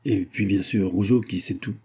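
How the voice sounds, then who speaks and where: A man narrating a crime novel in the first person. His voice is low, very dark and husky. His delivery is wry and matter-of-fact. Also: fairly even intonation, moderate pace. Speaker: audiobook narrator.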